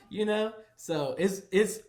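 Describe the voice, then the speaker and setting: Man, pastor, casual vlog chat, teasing, laughs often, drawn-out storytelling. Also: on the high side, fairly bright tone.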